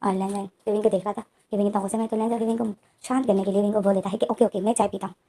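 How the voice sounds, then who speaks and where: A woman's voice: medium pitch, flat delivery, racing, mellow. A woman retelling a fan story in casual, run-on narration, chaining one event after another.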